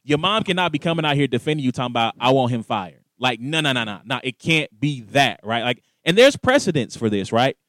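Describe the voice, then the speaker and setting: A man's voice: medium pitch, fast, few pauses, no room sound. A man hosting a casual sports talk show, telling stories with lots of energy and acting out the lines he quotes. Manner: animated storyteller, acts out quoted voices.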